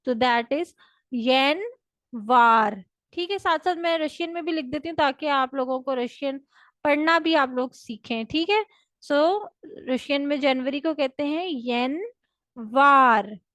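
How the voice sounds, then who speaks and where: A high-pitched woman from Pakistan leads a recorded language lesson. She speaks slowly and carefully, drawing out each word for her students to say back. The sound is close and dry. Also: no echo. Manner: slow, drawn-out drilling of words to repeat. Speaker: language instructor.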